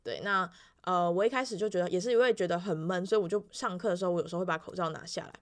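A woman's voice: lowish voice, very fast. Young woman teacher chatting, many fillers. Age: 20s. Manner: acts out children's voices in quoted lines. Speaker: elementary music teacher. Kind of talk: casual weekly vlog monologue.

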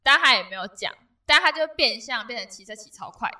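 A woman co-hosting a casual podcast chat, blunt and teasing, with loud laughter. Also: a little high, lively intonation, fairly quick, distant mic. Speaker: podcast co-host.

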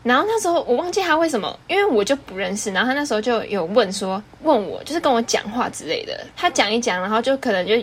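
A young woman in her twenties with a Taiwanese Mandarin accent, co-hosting a podcast in casual chat, teasing and quick to laugh. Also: on the high side, very animated, slight background noise. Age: 20s. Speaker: podcast co-host.

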